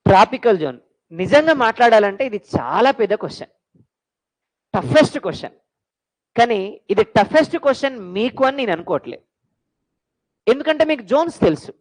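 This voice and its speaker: Lively quizzing woman teacher. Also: on the high side, fairly quick, long pauses, rough recording. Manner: quizzing students with call-and-response questions; mixes English phrases into Telugu. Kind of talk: classroom lecture for exam prep.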